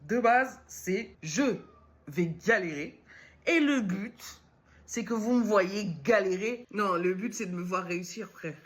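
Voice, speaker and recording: A woman's voice: mid-range voice, takes it slowly. A woman from Lyon talking casually to camera as a vlogger and new entrepreneur, rambling and self-mocking as she jumps between topics. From Lyon, France. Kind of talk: casual direct-to-camera talk.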